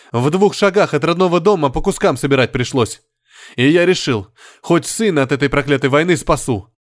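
A man's voice: a little high, dry recording, studio quality, pitched above the performer's own voice, natural voice. A man voicing a grieving middle-aged male doctor who speaks in a raised, bitter, agitated way.

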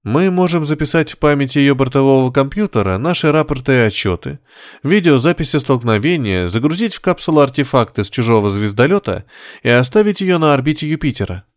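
A man voicing a stern female spaceship commander who gives orders in a measured, firm way, slightly raised in pitch. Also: no echo, clean studio sound, close to an everyday voice.

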